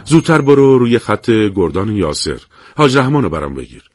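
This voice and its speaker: A man voicing a calm male field commander who gives steady orders over a radio, in a husky voice. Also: lowish voice, no room sound, studio quality.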